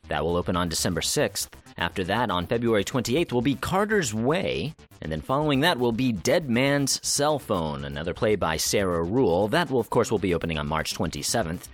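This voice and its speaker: A man hosts a theater news podcast with a lowish voice that rises and falls in a lively way. He reads the week's items in a promotional, upbeat manner. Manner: upbeat, promotional, leans on "of course". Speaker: podcast host.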